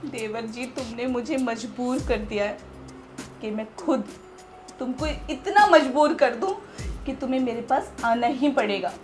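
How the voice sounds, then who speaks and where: An actress playing a lonely, manipulative young sister-in-law in a short film drama, coaxing and pleading. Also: female voice, on the high side, unhurried, soft background music, close to an everyday voice. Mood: bitter scheming. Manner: coaxing, pleading, then bitterly scheming.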